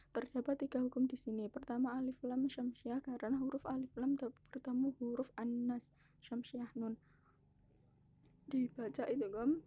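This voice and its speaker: A woman's voice: fairly high pitch, mellow, a little hiss or hum. A young woman from Indonesia, a university student, giving a class presentation on Quran recitation rules and listing each rule step by step with care. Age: young adult. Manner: restarts words mid-sentence.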